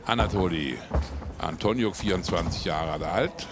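A man giving live boxing commentary for television in measured short phrases with pauses between them. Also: sits low, over music. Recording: loud arena crowd and noise. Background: crowd and arena noise.

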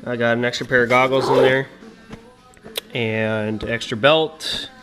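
Young guy from Minnesota, unhurried and casual, full of ums, filming his own sled tour on a head-mounted camera in a garage. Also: mid-range voice, over loud music. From Minnesota, USA. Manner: relaxed and unhurried, many "uh" and "um" fillers. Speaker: snowmobile vlogger. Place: indoor garage workshop. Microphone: head-mounted action camera.

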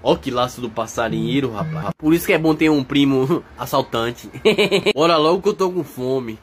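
Man doing a brash male street dog, rowdy, teasing, mid-pitched, comic voice-over dub. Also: natural voice. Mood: boastful. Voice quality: rowdy, teasing, quick to laugh. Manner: swings between mock threats and joking. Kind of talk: comic voice-over dubbing of animal videos.

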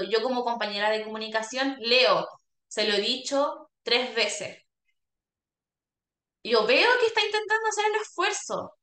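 A woman's voice: fairly high pitch, bright, forceful tone. A woman, a speech therapist explaining to caregivers in a workshop and often checking in with a questioning "¿ya?". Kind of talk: workshop talk. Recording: echoey room.

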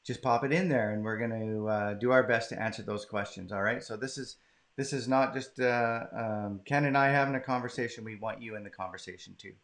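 A man's voice: fairly low pitch, a little fast, a bit bright. A man from Canada hosting a live-streamed conversation, casual and chatty. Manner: casual, chatty, laughs easily. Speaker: host. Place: home, southern British Columbia.

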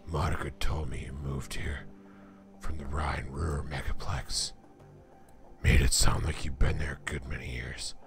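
A man's voice: very deep voice, little pitch movement, a little slow, vocal fry, faint music behind, pitched below the performer's own voice, exaggerated voice. A man voicing an aging, scarred male shaman who loves a fight, in a put-on Cockney-Australian accent. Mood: gruff.

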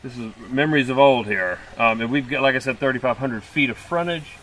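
Out in the woods beside a creek, a middle-aged realtor shows off the land in a casual, cheerful sales manner. He speaks briskly in a mid-range, somewhat bright voice. Recorded from afar on an outdoor camera, the clip has guitar music and slight background noise.

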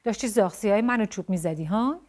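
A feisty little tomboy girl with a blunt, quick temper, put on by a woman reading a storybook. She speaks in a raised, mellow, slightly husky voice. She is chatty and lively. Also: medium pitch, close to an everyday voice. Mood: snappish.

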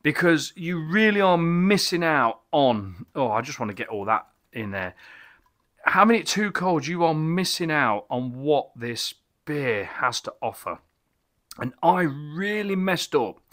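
A man's voice: a little high, sing-song, unhurried, a bit bright. A middle-aged man reviewing beer in his small home bar, talking enthusiastically and rambling, with many restarts and exclamations. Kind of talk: casual beer review vlog. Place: small home bar cabin with bottle shelves, indoors.

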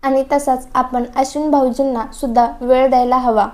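A woman reading the lines of a polite young wife who tries to calm her family, in her high voice. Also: normal speed, natural voice. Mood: soothing. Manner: polite, soothing.

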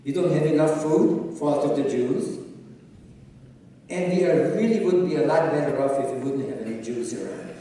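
His voice fairly high, animated, and warm, an older man from Czechoslovakia with Hungarian as his native tongue delivers a personal testimony on an auditorium stage. He recounts his life in a measured way, speaking straight to the audience. The distant, echoey recording was made from the audience via his handheld mic and carries slight background noise.

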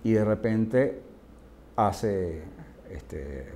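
A man's voice: fairly low pitch, lively intonation, very slow, dark tone, a little hiss or hum. A man with a Venezuelan accent, a psychiatrist giving an interview, telling stories vividly and acting out what people said. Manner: vivid storyteller, acts out quoted speech. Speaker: psychiatrist guest. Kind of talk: storytelling interview answer.

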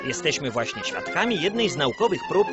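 A man's voice: fairly high pitch, very animated, fairly quick. A man narrating in the manner of an old communist-era newsreel, grandiose, solemn and rousing in a scripted mock-propaganda style. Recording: dull lo-fi sound under loud music.

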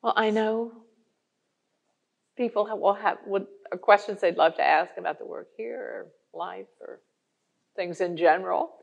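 A woman, a museum curator, moderating a panel talk in halting phrases. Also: medium pitch, gravelly, dull audio.

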